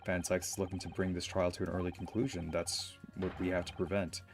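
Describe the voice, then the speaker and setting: A man voicing an earnest, determined young defence lawyer with a measured, formal delivery in a video game. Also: low voice, little pitch movement, over music.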